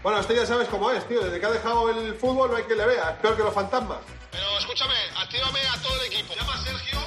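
High bossy walkie-talkie voice, echoey and far off, music behind. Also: male voice, quick pace, pushed and bright. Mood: eager. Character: brash man answering on a walkie-talkie. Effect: over a walkie-talkie. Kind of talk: scripted ad acting.

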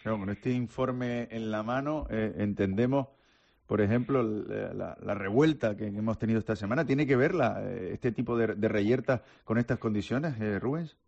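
A man's voice: lowish voice, normal speed, vocal fry, darkish tone, muffled recording. A man hosting a radio talk show, chatting and asking questions with fillers. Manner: conversational, asks questions with fillers. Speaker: radio host.

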